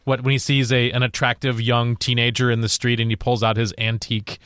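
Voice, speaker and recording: A man's voice: mid-range voice, little pitch movement, a little fast, fairly bright tone, clear, resonant tone, no echo, studio quality. A man co-hosting a casual movie review podcast, blunt and profane, laughing often.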